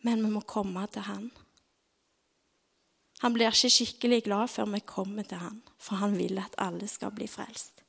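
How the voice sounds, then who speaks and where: A woman giving a devotional talk, telling a personal story expressively and often dropping into dramatic whispers, then praying softly. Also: mid-range voice, steady tone, gravelly, slightly rough. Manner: soft, half-whispered prayer. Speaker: speaker at a devotional gathering.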